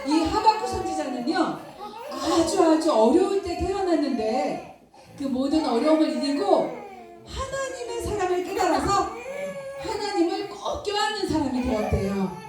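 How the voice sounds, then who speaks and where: A woman with a high, lively voice tells a Bible story to children, acting out the speakers' words and quizzing her listeners. She sounds distant from the mic. The church hall rings with heavy echo. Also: moderate pace, a crowd in the background. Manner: animated, acts out prophet's and God's words, asks children questions. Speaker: Sunday school teacher.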